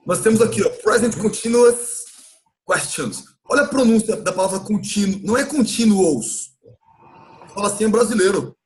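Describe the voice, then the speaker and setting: High-voiced Brazilian man teaching English. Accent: Brazilian Portuguese. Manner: explains patiently, repeats words slowly to model pronunciation. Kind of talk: live online class recap.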